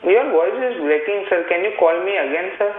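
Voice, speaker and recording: A man's voice: high-pitched, animated, normal speed. A hotel front desk clerk, a man heard over the phone on speakerphone, answering politely and calling the caller sir. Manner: polite, adds "sir" to most replies. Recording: tinny, roomy speakerphone line.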